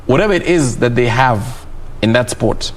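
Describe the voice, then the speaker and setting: A man's voice: medium pitch, expressive, normal speed. A man from Kenya co-hosting a studio sports discussion, talking emphatically and tagging his points with "okay?". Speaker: sports show co-host.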